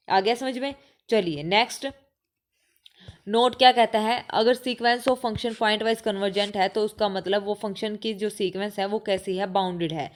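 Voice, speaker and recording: A woman teaching a maths exam-prep lecture, mixing English terms into her speech, asking questions and answering them herself, repeating key points. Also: medium pitch. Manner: mixes English math terms into Hindi speech. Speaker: mathematics teacher.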